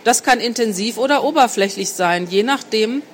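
A woman voices a worldly, self-assured man in an adult audiobook. He talks smoothly and persuasively, with a teasing edge. The voice stays fairly high, with faint noise behind it. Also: moderate pace, natural voice. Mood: seductive. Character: confident seductive grown man, calm and worldly. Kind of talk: audiobook reading.

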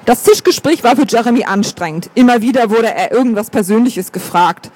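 High-voiced man reading a story. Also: fairly quick. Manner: even, storytelling. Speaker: audiobook narrator. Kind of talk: scripted narration.

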